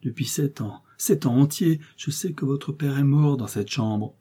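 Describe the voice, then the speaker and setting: A man's voice: medium pitch, a little slow, warm tone, breathy edge. A man voicing a loyal old male servant who speaks earnestly and pleads, in an audiobook reading. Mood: pleading.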